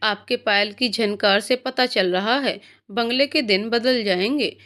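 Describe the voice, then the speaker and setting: A woman voicing a humble, warm elderly male servant in a storybook reading, speaking respectfully. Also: fairly high pitch, unhurried.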